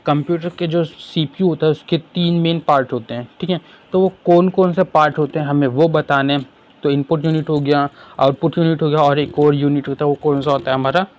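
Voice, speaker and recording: A man tutoring for an exam, who asks questions and answers them himself and reads English sentences slowly. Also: a little high, a little mellow, highs cut off. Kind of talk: explaining exam questions in Hindi with English terms.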